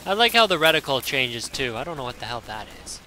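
A young man casually commentating his own gameplay, excitable and swearing, yelping out loud as things happen. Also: medium pitch, quick pace, a little hiss or hum. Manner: excitable, swearing, yelps and reacts loudly.

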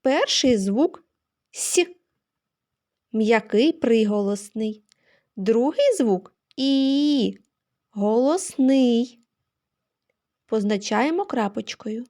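A woman teacher giving a phonics lesson to young children, slow and careful, stressing each sound she names. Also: a little high, animated, a little mellow.

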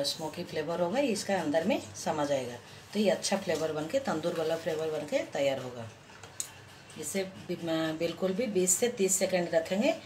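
A woman with a low voice talks the listener through a home recipe, slow and patient, pausing and restarting as her hands work. The kitchen is noisy, with clear sizzling and frying behind her. She sounds like she is speaking off-camera above the stove. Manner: slow, patient explaining with many pauses and restarts. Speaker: cooking vlogger. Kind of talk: step-by-step cooking instruction. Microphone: camera above the hands, speaker off-screen.

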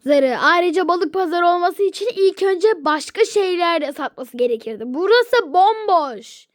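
A woman's voice: very high voice, lively intonation, normal speed, no room sound, clean studio sound. A woman voicing several toy characters in a homemade skit, trading stubborn back-and-forth bickering. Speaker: toy adventure voice performer.

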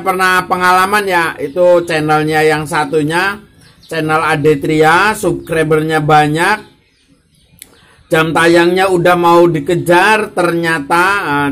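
A man's voice: a little high, a bit bright. Joking vlogger man. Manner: jokey, repeats phrases, greets viewers as bro, guys, ma'am, sir. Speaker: YouTuber giving tips to beginners. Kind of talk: casual chatty vlog.

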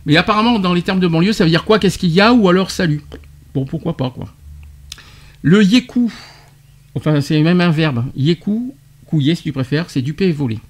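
Un animateur de radio qui interroge son invité en expliquant de l'argot, avec entrain et des rires. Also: male voice, a little high, expressive, moderate pace. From France. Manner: quizzing, explaining slang terms with laughs. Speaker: radio show host. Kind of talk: radio debate segment.

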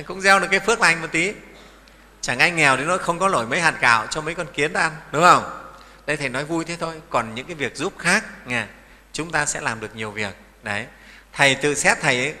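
A man's voice: fairly high pitch, bright, forceful tone, long reverb tail. A middle-aged man, a Buddhist monk giving a sermon in a folksy manner, often asking his listeners questions.

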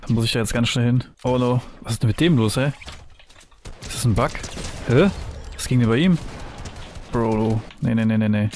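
A young man giving excited, nostalgic commentary on his gameplay, full of youthful slang. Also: medium pitch, slight background noise. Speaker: gaming streamer.

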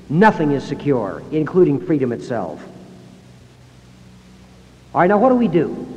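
A man giving a public speech in a high school hall, emphatic and acting out quoted voices, recorded on 1960s analog tape. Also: mellow, dull audio. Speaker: speaker.

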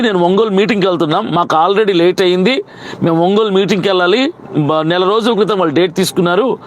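A man, a pastor, recounts his arrest in a rapid, heated stream, acting out the voices of both sides. His voice sits high and races along. Faint traffic noise hums behind him.

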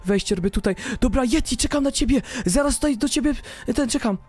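A young man giving excited gameplay commentary, full of rapid exclamations and swinging between hushed talk and shouts. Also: extremely high pitch, faint music behind. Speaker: gaming YouTuber.

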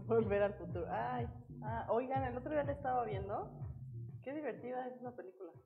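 A woman's voice: a little high, brisk, creaky, phone-quality sound, faint music behind. A woman, a fitness instructor leading a live online workout class, counting reps aloud in an upbeat, teasing way.

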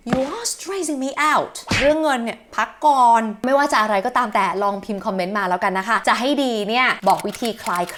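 A woman's voice: fairly high pitch, a little hiss or hum. A young woman hosting an upbeat English lesson, acting out stressed example lines along the way. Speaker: English teacher and host. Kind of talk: bright scripted English lesson. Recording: music bed under the voice.

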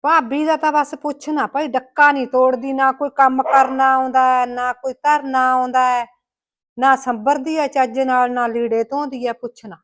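A woman's voice: high voice, little pitch movement, normal speed, a bit bright. A woman with a Malwai Punjabi accent playing a grumbling, scolding village mother-in-law in a comic skit. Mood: gossipy complaining. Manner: scolding, rustic and emphatic.

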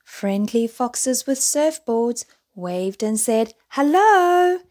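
Slow, gentle woman reading a picture book. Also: fairly high pitch. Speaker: storyteller. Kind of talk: children's picture-book read-aloud.

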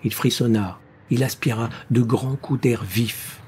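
Male audiobook narrator, slow dramatic reading, hissy background. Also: medium pitch, a little mellow. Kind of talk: scripted narration.

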